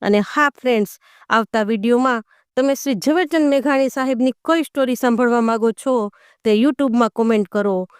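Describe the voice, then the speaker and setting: A woman's voice: a little high, moderate pace, smooth, dry recording, studio quality. A woman narrating a folk tale in a dramatic storytelling manner, with rustic dialect in the characters' speech.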